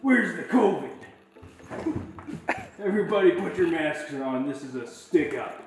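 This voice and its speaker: A man voicing a joking male stick-up robber in a mask, gravelly and mock-menacing. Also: fairly high pitch, lively intonation, measured pace, heavy reverb, background noise, voice pushed up.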